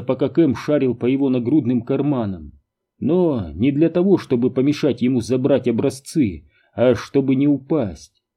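A man narrating an audiobook in an even, measured reading. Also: mid-range voice, husky, muffled recording.

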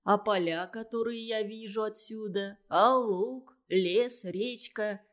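A kind, calm village teacher home from the war, talking to children with gentle warmth, as a woman reads him aloud in a storybook. His voice is soft and encouraging, with a middle pitch. He sounds patient and steady. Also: slow pace, lightly acted. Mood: surprised. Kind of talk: storybook reading.

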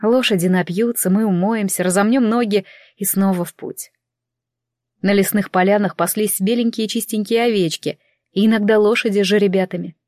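A woman narrating a fantasy novel in the first person in an even storytelling manner. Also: mid-range voice, normal speed, no room sound. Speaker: audiobook narrator.

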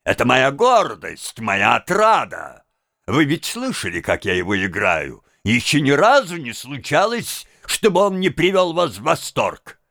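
Man voicing an excitable, proud Italian violinist. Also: mid-range voice, measured pace, no room sound, clean studio sound, voice pushed down, heavily acted. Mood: boastful. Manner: indignant, boastful, theatrical outbursts. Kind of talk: audiobook character reading.

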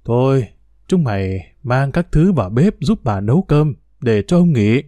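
A man voicing a gentle, easygoing old grandmother who soothes and smooths things over. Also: mid-range voice, very animated, unhurried, dry recording. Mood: bustling. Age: older.

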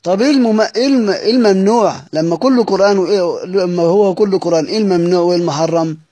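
An Egyptian man lectures his students in a high, bright voice. He explains patiently, raising questions and then answering them. The recording is dry and close, with no room sound. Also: rapid-fire, no room sound. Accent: Egyptian Arabic. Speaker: Quran recitation teacher.

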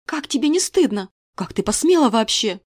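A woman playing a furious shouting mother. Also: mid-range voice, animated, moderate pace, no echo, studio quality, lightly acted. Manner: shouting, accusing, crude. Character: furious middle-aged woman, betrayed friend and mother.

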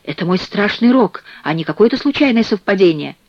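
A man's voice: high-pitched, fast, dry recording, dull audio, voice pushed up, natural voice. A man voicing an anxious, newly arrested prisoner who complains in a plaintive, agitated way. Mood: aggrieved.

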